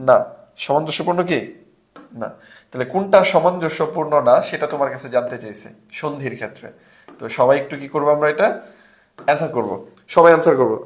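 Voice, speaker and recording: A young man from Bangladesh runs a casual exam-prep class, his voice sitting a little high. He keeps asking questions and answering them himself, slipping English words in as he goes. The room around him gives off a clear echo. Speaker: admission test tutor.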